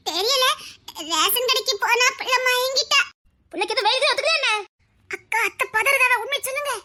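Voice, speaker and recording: A woman with a Tirunelveli Tamil accent acting in a comedy sketch, chattering fast and scheming. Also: very high voice, sharp tone. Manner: fast, chattering and scheming, often laughing as she talks.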